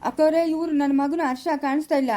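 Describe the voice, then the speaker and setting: A woman's voice: high-pitched, fairly even intonation, fast, warm tone, close to an everyday voice. A woman playing a worried young mother hunting for her missing son in a village family drama, speaking in an anxious, pleading way.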